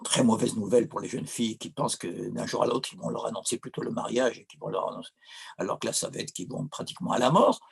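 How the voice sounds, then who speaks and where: A man's voice: fairly low pitch, fast talker, gravelly, breathy edge. A man with a Corsican accent giving an informal, digressive lecture on opera, with frequent hesitations and restarts. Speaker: philosophy lecturer.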